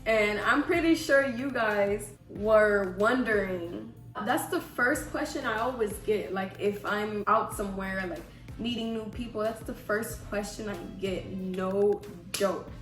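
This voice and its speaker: A woman's voice: mid-range voice, unhurried, a bit bright. A woman in her twenties talks to viewers in an informal, self-deprecating vlog style. Her mid-range voice sounds affected by a cold. The room is echoey, and music plays underneath. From Houston, Texas, USA. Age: 20s. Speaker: vlogger. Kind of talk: casual chatty Q&A to viewers.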